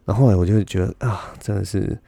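Podcast host and comic, low, dark voice, rambling storyteller, laughs a lot, close dry mic. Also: male voice, steady tone, fast talker, vocal fry, no echo. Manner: rambling, laughs often, many restarts. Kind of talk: casual storytelling monologue.

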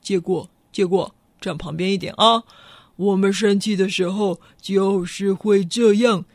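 A woman voicing a big blustering male rhino in a storybook, slow and gruff. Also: mid-range voice, fairly even intonation, a little mellow, dry recording, voice pushed down. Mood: boisterous.

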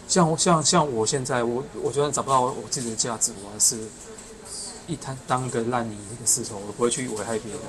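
A man's voice: mid-range voice, quick pace, crowd noise, low-quality recording. A middle-aged man co-hosting a podcast, musing hesitantly in casual chat and trailing off. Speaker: podcast co-host.

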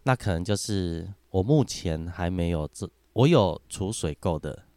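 A man's voice: sits low, lively intonation, a little slow, warm tone, dry recording. A man, a podcast guest chatting casually and laughing often as he tells stories. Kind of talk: casual chat.

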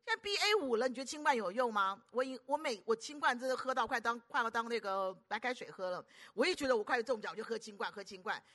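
A middle-aged woman preacher, delivering an animated sermon full of rhetorical questions to the congregation. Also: a little high, fast talker, hardly any pauses. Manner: animated, keeps asking the audience rhetorical questions; acts out anxious inner voices and conversations.

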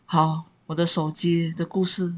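A woman's voice: lowish voice, flat delivery, a little slow, slight background noise. A woman from Malaysia, co-hosting a casual podcast chat, laughing often and repeating her words. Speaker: podcast co-host.

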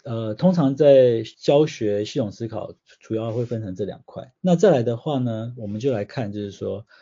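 A man with a mid-range, slightly rough, dark voice speaks at normal speed with lively intonation. He is a guest, a systems change consultant, patiently explaining ideas through everyday examples in interview answers. The audio sounds slightly dull.

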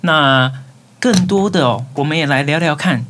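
A man's voice: on the high side, moderate pace, a bit bright, a little hiss or hum. Man moderating a podcast. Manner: moderating, sums up and asks questions. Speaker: podcast host. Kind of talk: casual chat.

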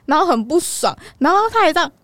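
Taiwanese woman, really high lively voice, chatty podcast co-host, dry close sound. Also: quick pace, no echo. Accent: Taiwanese Mandarin. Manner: animated storytelling, breaking into laughs. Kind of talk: casual chat.

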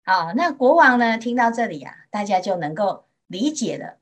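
A Buddhist nun from Taiwan giving a Mandarin sermon in a gentle storytelling manner, with drawn-out particles and a Taiwanese accent. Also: female voice, mid-range voice, sing-song. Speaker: Buddhist nun teaching sutra.

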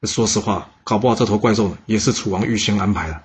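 A man's voice: on the low side, quick pace, a little hiss or hum. A man telling history stories in a chatty podcast, with asides to the listener. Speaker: podcast storyteller. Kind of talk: casual history storytelling.

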